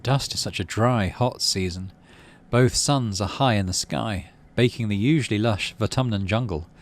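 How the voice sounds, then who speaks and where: A man with a fairly low-pitched voice speaks at a moderate pace as he plays a video game, reading its story out loud and thinking through his decisions. He's a gaming video host, and game music runs behind his commentary. Slight background noise is present.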